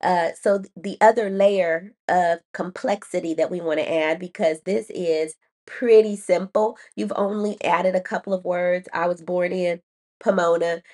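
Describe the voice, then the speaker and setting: Woman teacher hosting a podcast, lowish voice, chatty w lots of ums and self-laughs. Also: fairly even intonation, measured pace, darkish tone. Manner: chatty, laughs at herself, many ums and restarts. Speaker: podcast host and educator. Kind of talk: casual teaching talk.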